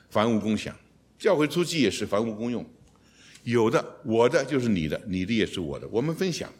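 A middle-aged man teaching a sermon on scripture as a seminary teacher, animated, acting out quoted lines with sudden jumps in pitch.

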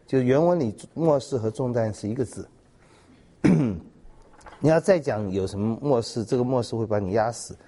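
A man giving a Bible teaching sermon, reading scripture and explaining it in a measured way, with fillers and repeated words. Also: mid-range voice, mellow. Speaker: preacher.

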